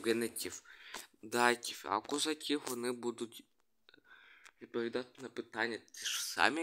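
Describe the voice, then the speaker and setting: A man presents a language he made up, moving slide by slide. His voice is bright and forward, with a mid-range pitch. He often hesitates, reads letters one by one and trails off mid-word before starting again. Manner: hesitant, reading letters one by one, many restarts. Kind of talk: screen-share explainer.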